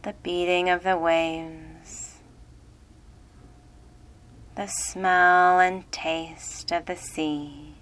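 Brief: woman, guided relaxation voice, deep-toned, hushed and calm. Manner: slow, soothing, hushed. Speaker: meditation guide.

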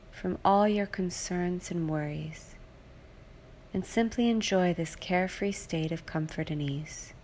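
Slight background noise sits behind a fairly low-pitched woman's voice as she works through a guided hypnosis relaxation script. Her delivery is slow, calming and repetitive, and now and then she drops to a soft whisper.

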